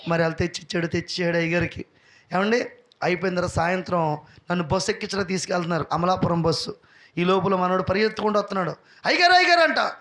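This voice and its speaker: A man with a high, ringing voice preaches a sermon with fervor. He stops his story again and again to call on the people to praise, and he acts out each person's lines as he tells it. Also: level tone, very fast, fairly bright tone. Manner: fervent preaching, calls out for praise; retells stories, acting out each person's lines. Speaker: pastor. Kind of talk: live sermon with testimony story.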